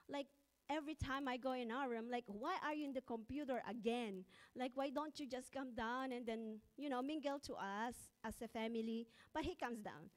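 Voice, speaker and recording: A middle-aged woman pastor with a high voice and a Filipino accent, her first language Ilocano, preaches a church sermon punctuated by nervous laughter and fervent prayer.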